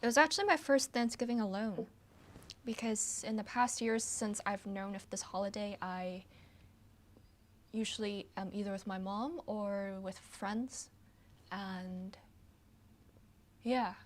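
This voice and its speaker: A woman from Hong Kong, a pianist hosting a relaxed livestream Q&A from her apartment, who chats easily and trails off with ums and soft laughs. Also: mid-range voice, unhurried, long pauses. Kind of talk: casual livestream Q&A chat. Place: her apartment, at home with her piano.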